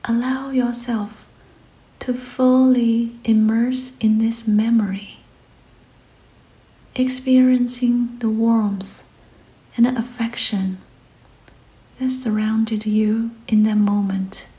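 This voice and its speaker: A woman guides a scripted meditation in a soft, breathy voice that often drops to a near whisper, gentle and soothing, pausing between short phrases. Her pitch is a little high and her tone steady, though the recording quality is low.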